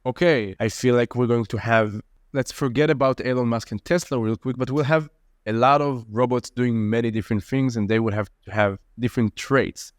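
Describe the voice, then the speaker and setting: A man hosting a casual podcast, asking questions in a halting way and searching for words. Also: mid-range voice, dry recording, studio quality. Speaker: podcast host.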